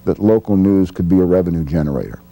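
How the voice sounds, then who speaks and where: A man in his sixties, a retired news anchor, looking back on his career in a relaxed interview and chuckling easily. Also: low voice, quick pace. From United States. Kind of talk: reflective interview recollection. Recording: faint music underneath.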